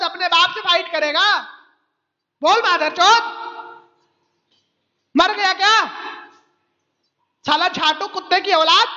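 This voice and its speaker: A man's voice: extremely high pitch, bright, forceful tone, long reverb tail, dull audio. A male caller hurling jeering, repetitive taunts in an abusive voice-call insult battle.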